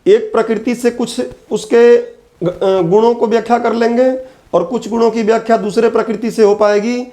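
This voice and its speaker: A man's voice: very high-pitched, steady tone, normal speed, mellow. A man teaching an exam-prep physics lecture, patiently repeating key terms and answering his own questions.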